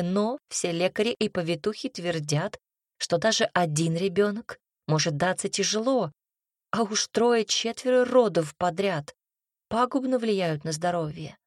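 A woman reading a first-person audiobook in a measured, wry way. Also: medium pitch, no room sound, clean studio sound. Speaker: audiobook narrator.

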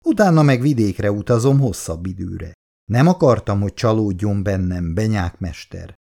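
A man voicing a sly, prying gentleman who asks pointed questions and mocks. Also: fairly low pitch, animated, creaky. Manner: mocking and inquisitive.

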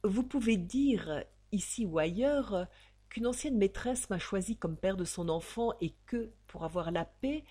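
A woman's voice: medium pitch, expressive, measured pace, warm tone, husky. A woman voicing a proud, fallen aristocratic count in an audiobook, haughty and curt in his speech. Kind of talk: audiobook character reading.

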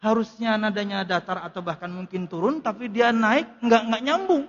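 At normal speed and in a large hall, an ustadz with a high voice reads Arabic lines from a kitab and explains each one in casual, conversational Indonesian. The recording's highs are cut off.

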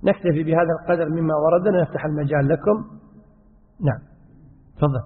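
A man's voice: on the high side, in a large hall, phone-quality sound. A man teaching Islamic jurisprudence, answering questions one by one and chanting examples from the call to prayer. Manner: reads questions aloud then answers, demonstrates the call to prayer in a drawn-out chant. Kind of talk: religious Q&A lesson.

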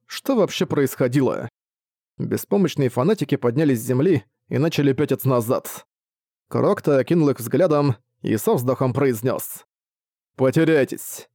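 A man narrating a fantasy story in a steady, even reading voice. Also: mid-range voice, normal speed, no echo, clean studio sound. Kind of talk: audiobook narration.

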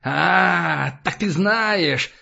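A man's voice: sits high, extremely slow, creaky, bright, forceful tone, lo-fi sound, full character voice. A male narrator voicing a bitter fanatical nobleman who screams in spitting fury. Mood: raging, hysterical.

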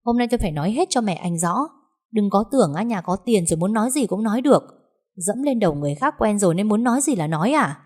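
A woman voicing a defiant young daughter-in-law who speaks fast and cuttingly in a narrated story. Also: medium pitch, animated, darkish tone, breathy edge, pitched above the performer's own voice.

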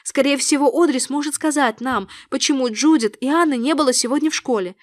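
Woman, audiobook narrator, first-person storytelling, lively and expressive, high voice, dry close sound. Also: fairly quick, no room sound.

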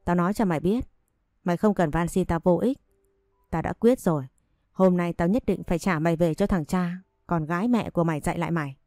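Woman reading as a mean mother-in-law yelling insults, low mellow voice, dry. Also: a little fast, dry recording, faint music behind, close to an everyday voice. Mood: scornful, scolding. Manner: shrill insulting scolding. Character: harsh scornful older mother-in-law, domineering woman.

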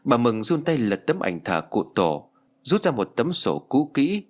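A man narrating a ghost story audiobook in a lively storytelling voice. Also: medium pitch, measured pace.

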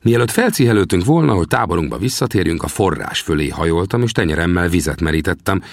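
A male audiobook narrator with a low, gravelly voice, reading with very animated rises and falls. The recording is close and dry. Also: no room sound. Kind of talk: scripted narration.

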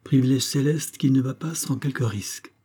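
A man's voice: mid-range voice, moderate pace, dark tone, breathy edge, voice pushed up, close to an everyday voice. A man voicing a grave, formal male secret-society master in an audiobook, speaking in a solemn, ceremonious way.

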